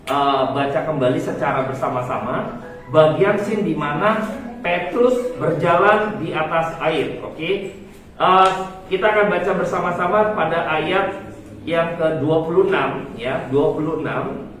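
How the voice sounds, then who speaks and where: A man preaching a sermon and leading a Bible reading, halting, with many fillers and corrections. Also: fairly high pitch, a bit bright, a little hiss or hum. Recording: echoey hall from far off.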